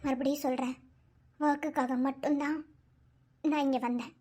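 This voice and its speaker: A woman voicing a guarded young woman doctor in an animated cartoon, speaking quietly and curtly. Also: sits high, normal speed, natural voice. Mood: cold.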